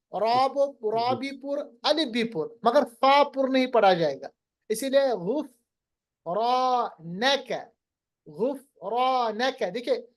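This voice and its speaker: A man teaching Quran recitation in a lesson, quizzing his student and slowly drawing out recited words. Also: extremely high pitch. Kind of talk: online lesson.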